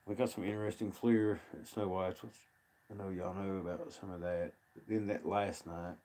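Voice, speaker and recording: A man's voice: deep voice, little pitch movement, normal speed, warm tone. A man with an Appalachian accent and a folksy country way of talking, giving casual rambling commentary on a live stream. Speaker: livestream host. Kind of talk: casual rambling commentary over field footage.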